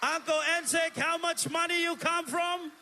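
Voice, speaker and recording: A man with a Samoan accent emceeing a live evening stage show, energetic and calling out to the crowd while switching between Samoan and English on a handheld microphone. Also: very high-pitched, moderate pace, noisy background. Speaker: master of ceremonies.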